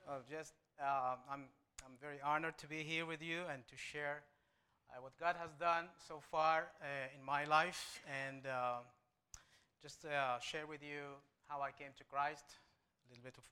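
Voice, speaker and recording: A man's voice: medium pitch, bright, forceful tone, smooth. A man from Morocco with a Moroccan accent, speaking English as a second language, giving his testimony as a guest preacher in church, with frequent restarts and light humor. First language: Arabic. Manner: halting, with frequent repeated starts and light humor.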